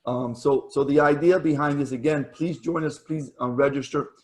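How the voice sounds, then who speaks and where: A man hosts a casual online meetup over a video call, speaking at a normal speed with a steady, somewhat high voice. He talks in a chatty, rambling way full of fillers, restarts and self-corrections, and his voice is wearing thin from talking all day.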